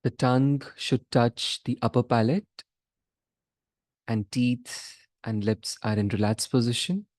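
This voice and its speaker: Leading a guided meditation, a man gives calm, measured instructions in brief phrases, pausing between each. He has a medium pitch and a darkish tone, and the studio recording is clean with no echo.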